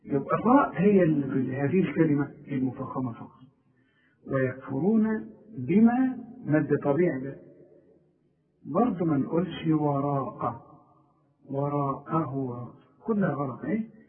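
A man with an Egyptian Arabic accent teaching Quran recitation one-on-one. He corrects pronunciation and stretches words out slowly to demonstrate them. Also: a little high, expressive. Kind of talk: one-on-one tajweed lesson. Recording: tinny phone-like line, far from mic.

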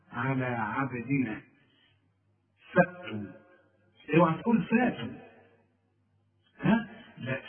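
A man with an Egyptian Arabic accent, teaching Quran recitation, switching between drawn-out chanted examples and quick explanations and checking that the listener follows. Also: mid-range voice, echoey room. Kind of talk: tajweed lesson with recited examples. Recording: thin phone-like sound from a distance.

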